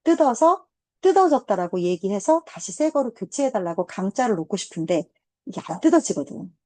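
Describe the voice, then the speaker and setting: Woman, teacher type, indignant storyteller who acts out quotes; warm low tone, dead dry recording. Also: dry recording. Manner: indignant, animated retelling with quoted dialogue. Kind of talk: casual storytelling.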